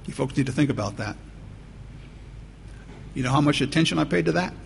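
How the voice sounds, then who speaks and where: Guy pastor preaching, kinda gravelly, repeats himself for emphasis, faint hiss behind. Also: a little high, expressive, fairly quick. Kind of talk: sermon. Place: church. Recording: long church reverb, faint noise.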